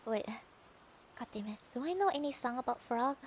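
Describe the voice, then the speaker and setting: A woman's voice: fairly high pitch, expressive, a little fast, a little hiss or hum. A woman VTuber chatting casually on her stream, rambling and giggly, trailing off into fillers. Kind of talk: casual livestream chat.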